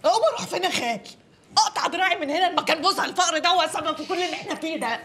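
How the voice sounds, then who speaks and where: An actress playing a sharp-tongued working-class young woman with an Egyptian accent, lamenting and scolding in a rapid torrent. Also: very high voice, expressive, full character voice. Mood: bitter. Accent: Egyptian Arabic. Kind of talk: TV drama acting. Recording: music score underneath.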